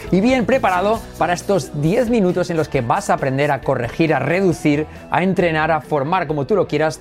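Upbeat man teaching English sounds. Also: on the high side. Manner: enthusiastic, switches between Spanish and English, repeats words for practice. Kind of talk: energetic online language lesson.

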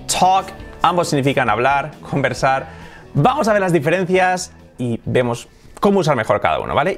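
Lively Spanish man teaching English. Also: on the high side. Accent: Spanish from Spain. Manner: lively, repeats words to drill pronunciation. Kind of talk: casual video lesson.

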